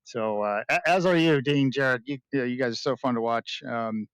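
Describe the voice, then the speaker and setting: A male race driver giving a modest, good-humored post-race interview while a bit out of breath. His voice is smooth and resonant at a middle pitch, recorded dry and close. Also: moderate pace, fairly bright tone, no echo, poor audio.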